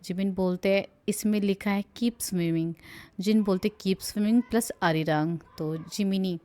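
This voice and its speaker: A young woman narrates a live stream for her viewers, relaying each line in an easy, chatty tone. She keeps slipping into laughter and asides as she reads. Her pitch sits in an ordinary middle range. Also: moderate pace, warm tone. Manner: giggly, chatty, breaks into laughter while reading. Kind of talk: casual retelling, reading quotes aloud.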